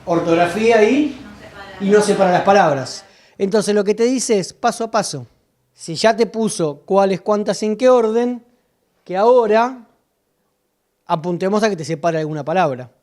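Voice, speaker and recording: A woman with a Rioplatense Spanish accent lectures teachers at a literacy workshop, her voice medium-pitched, a little mellow, and moderately paced. She explains by asking questions and answering them herself.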